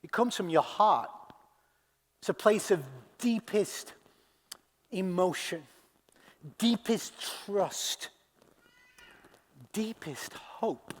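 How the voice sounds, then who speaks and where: Male pastor, high voice, slow and deliberate sermon delivery, hushed lows to loud cries, long church reverb. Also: animated. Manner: dramatic swings from hushed to loud crying out.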